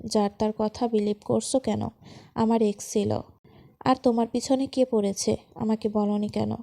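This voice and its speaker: A woman's voice: fairly high pitch, little pitch movement, normal speed, vocal fry, warm tone. A woman voicing a bossy, hot-tempered young man in a storybook romance, scolding and threatening. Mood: angry.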